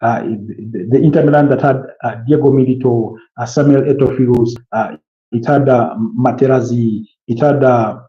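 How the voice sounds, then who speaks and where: A man in his early thirties talks football on a casual show, piling up player names between fillers and false starts. His voice sits at a middling pitch. The sound is muffled and lo-fi, with a noticeable room echo. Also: fairly even intonation, normal speed. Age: early 30s. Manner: rambling, many fillers and restarts, lists player names. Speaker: football pundit. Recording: roomy, dull lo-fi sound.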